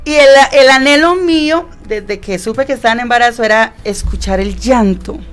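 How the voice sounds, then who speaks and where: A woman's voice: on the high side, normal speed, fairly bright tone. Earnest woman telling her testimony. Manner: earnest, emotional, repeats phrases for emphasis. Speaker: guest sharing her testimony. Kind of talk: emotional personal testimony.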